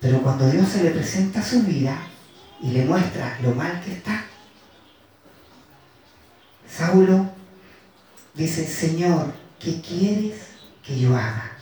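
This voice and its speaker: A man preaching a sermon, repeating and dwelling on scripture lines and slowing down to stress them. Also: fairly high pitch, expressive, mellow. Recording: echoey room, voice from far off.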